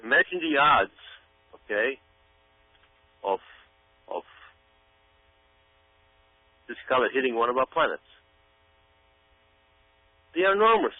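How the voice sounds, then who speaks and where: Over tinny, humming, phone-like radio audio, a male guest commentator gives listeners an emphatic monologue, repeating things for dramatic effect. His voice is mid-range and the recording dry.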